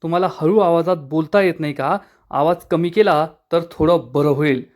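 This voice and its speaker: A touchy young man who speaks curtly and scolds when bothered, as a narrator puts him on. His voice sits at a middling pitch. He is a figure in a spoken recap of a TV serial. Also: normal speed, darkish tone, close to an everyday voice. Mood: irritated. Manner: curt, scolding. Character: irritable young man, easily annoyed.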